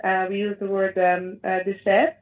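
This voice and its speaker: Woman w/ north african accent explaining stuff in an interview, halting a bit, thin phone-call sound. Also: mid-range voice, steady tone. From Morocco. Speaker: interview guest, Moroccan food cook. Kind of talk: conversational interview answers.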